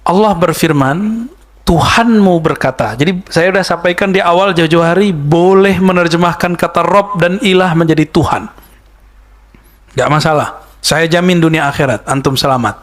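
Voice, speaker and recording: A man preaching in a relaxed, conversational sermon, his voice sitting a little high for a man. He throws in rhetorical questions and teasing asides, then slows down to chant scripture. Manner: chants Arabic verses slowly.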